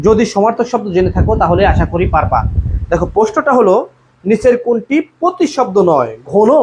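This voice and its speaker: In a live online class, a male admission tutor reads out the answers viewers post in the comments and prompts the group to reply, addressing them as "bhaiya." His voice sits high and is a little mellow. The audio is dull and lo-fi with faint noise.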